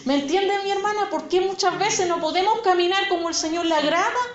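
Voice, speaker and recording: A woman's voice: very high-pitched, fairly quick. A woman preaching a sermon in a church, speaking earnestly and addressing listeners as sister. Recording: echoey church hall, dull sound, congregation.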